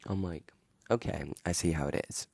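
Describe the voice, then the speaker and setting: Outdoors in wind, a young man hosting a podcast rambles through a story with indignation and lots of fillers. His low-pitched voice is gravelly and darkish, moving at normal speed, and the recording is dry.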